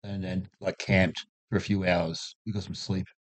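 Low-voiced Australian man, dry sound. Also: little pitch movement, moderate pace, no echo. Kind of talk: casual chat.

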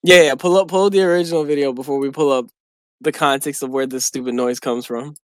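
A young man co-hosting a casual chat, telling animated stories, swearing freely and laughing often. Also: medium pitch, fast talker, no echo, clean studio sound. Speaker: podcast co-host.

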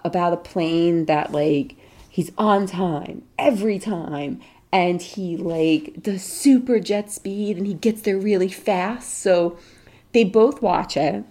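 A woman chatting casually with a friend, telling a lively story and acting out the people in it. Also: on the low side, takes it slowly. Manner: animated storytelling, acts out kids and other adults. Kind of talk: casual phone chat.

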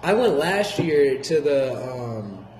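A man in casual chat with friends, relaxed but quick to defend himself. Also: medium pitch. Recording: echoey room, faint noise.

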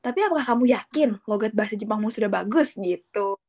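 A woman speaking as a guest in a casual chat about learning Japanese, animated and acting out what other people say. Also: mid-range voice, quick pace. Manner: animated, acts out quoted speakers.

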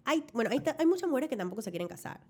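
A young adult woman, telling a story in an effusive, animated way as a guest in casual chat. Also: a little high, rapid-fire, breathy edge.

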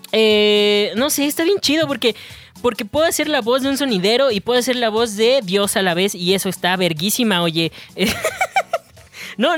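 A man's voice: high voice, a bit bright. A man hosting a comedy monologue, rambling crudely with many hesitations. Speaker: comedy podcast host.

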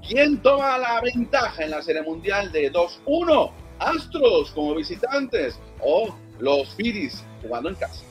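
A man's voice: high voice, very animated, unhurried, hardly any pauses, soft background music. A man hosting a casual radio sports show, asking questions and steering the talk. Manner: asks questions and steers the segment.

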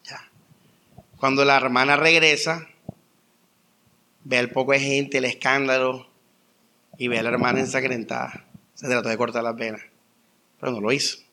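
A young adult man preaching a conversational sermon, telling stories with lively rhetorical questions. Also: medium pitch, normal speed, long pauses. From Colombia. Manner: animated storytelling with rhetorical questions. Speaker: pastor.

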